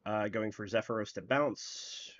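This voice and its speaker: Hosting and commentating an online card tournament on a casual live stream, a man with a lowish, slightly bright voice speaks unhurriedly. He rambles with plenty of fillers, explaining plays as he goes, and the audio has its highs cut off.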